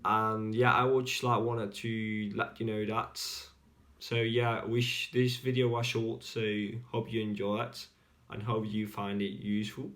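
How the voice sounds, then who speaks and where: A man with a Spanish accent giving a casual English pronunciation lesson, repeating example words slowly and deliberately. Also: fairly low pitch, level tone, fairly bright tone. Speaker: English teacher.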